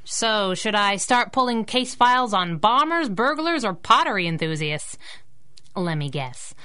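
Kit Baxter, bright, sassy girl sidekick. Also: mid-range voice, animated, unhurried, smooth. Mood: wry, playful. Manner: teasing, sassy banter. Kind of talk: 1930s-style radio adventure acting.

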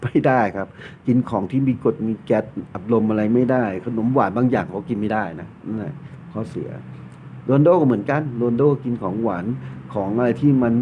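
A man's voice: medium pitch, fairly quick, a little hiss or hum. Blunt joking man, tinny phone-like sound. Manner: blunt, joking, swears freely. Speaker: tarot reader. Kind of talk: casual explanatory talk.

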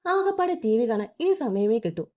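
A woman's voice: a little high, big pitch swings, moderate pace, muffled recording. A woman voicing a spiteful older aunt who speaks with false sweetness and scorn. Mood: mocking.

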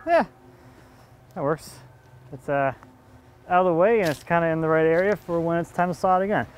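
A man's voice: a little high, a little fast, smooth. A man in his thirties casually explaining his work as he saws a log outdoors, thinking aloud and chuckling now and then. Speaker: woodworker running a sawmill. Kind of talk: casual on-site narration. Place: outdoors in a yard at a sawmill.

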